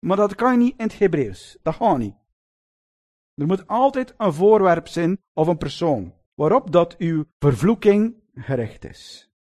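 This sermon comes from a man whose high-pitched voice takes its time. His storytelling is lively, and he often checks in with the audience through small tag questions and the address "lieve mensen."

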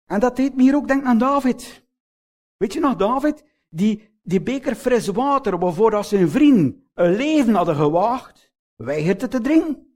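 A man with a Flemish accent preaching a sermon, earnestly asking his listeners rhetorical questions, lifting some phrases with emphasis and dropping others to a low, slow hush. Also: expressive. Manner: swings between raised emphatic phrases and low, slowed, hushed endings.

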